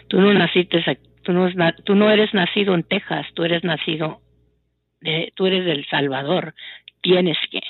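A woman from Houston lecturing hard in a call-in chat, pressing her points one after another. Her voice is a little husky and comes through a thin, dry phone line. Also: lowish voice, steady tone, moderate pace, dry recording. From Houston, United States. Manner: lecturing, accusing.

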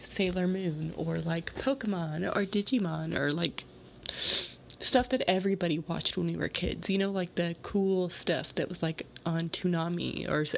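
A woman hosting a casual solo storytelling podcast in an informal, rambling, slangy way, a little sick, with vocal fry in her voice. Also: on the low side, a little hiss or hum. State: slightly sick. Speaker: podcast host.

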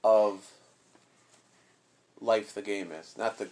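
A man's voice: fairly low pitch, steady tone, slow, darkish tone. A man chatting casually with his child as her father, asking playful, probing questions. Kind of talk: casual chat.

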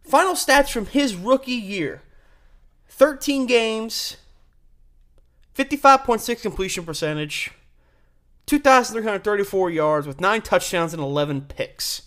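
A man runs a sports radio show alone, speaking in an animated, high-pitched, slightly bright voice. His commentary is emphatic and opinionated, punctuated by deliberate pauses and rhetorical questions.

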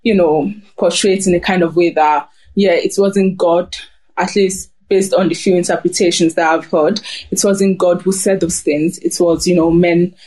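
A woman's voice: on the low side, steady tone, normal speed, darkish tone. Young woman, from Germany, casual group chat, hesitant, phone mic. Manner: hesitant, many fillers. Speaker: participant in a group discussion. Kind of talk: casual discussion.

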